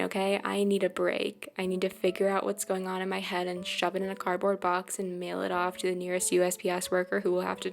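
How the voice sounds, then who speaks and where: A woman's voice: mid-range voice, vocal fry. A woman giving casual gameplay commentary, rambling and sarcastic, swearing often as she talks to her viewers. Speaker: gaming YouTuber.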